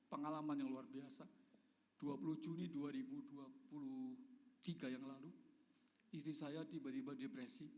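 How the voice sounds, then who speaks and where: Man preaching in a reverberant church hall. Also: a little high. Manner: swings from loud emphatic calls to hushed, whispered prayers. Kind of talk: sermon.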